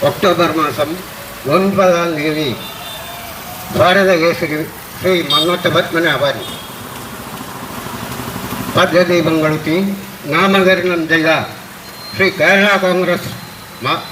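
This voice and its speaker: A man's voice: on the high side, steady tone, slow, long pauses. A man with a Kerala accent giving a formal public address as announcer at a political event. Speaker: local party event announcer. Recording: echoey, noisy outdoor setting with vehicles.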